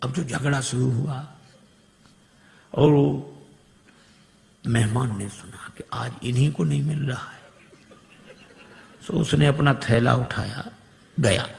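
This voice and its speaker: A man telling a devotional story sermon, animated and acting out the characters' dialogue in shifting voices. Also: medium pitch, takes it slowly, creaky, pauses often, a little hiss or hum. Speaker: religious storyteller. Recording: long hall reverb.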